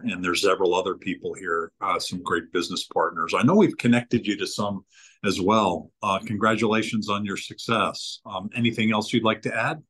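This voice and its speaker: Low-voiced man hosting a video call. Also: fairly bright tone, slightly rough, low-quality recording. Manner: friendly, halting with fillers. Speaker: networking call host. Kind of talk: online meeting chat.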